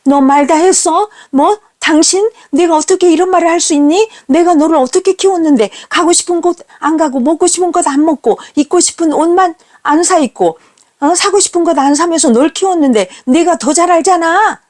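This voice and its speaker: A woman voicing a distraught middle-aged mother in a shrill, pleading outburst. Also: fairly quick, darkish tone.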